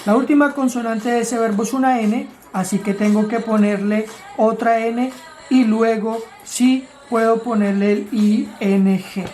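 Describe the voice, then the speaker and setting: A woman's voice: on the high side, steady tone, measured pace, dark tone, soft background music. A woman teaching grammar, explaining rules step by step in a patient way and asking her students questions. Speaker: English teacher.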